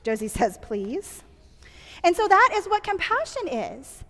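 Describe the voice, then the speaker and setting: Lively woman talking to kids. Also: extremely high pitch, moderate pace. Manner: animated, playful, asks kids questions. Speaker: children's camp leader. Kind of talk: children's message to young campers. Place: church room with children. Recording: reverberant church hall.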